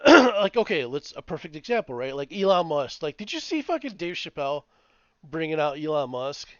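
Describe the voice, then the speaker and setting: A man in his late thirties rants on a casual podcast, cursing freely and circling back over his points. His voice sits a little high. The recording sounds dull and lo-fi, with a dry, close sound. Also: normal speed, dry recording. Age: 30s. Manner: profane, rambling, animated ranting. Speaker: podcast co-host. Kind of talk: casual chat.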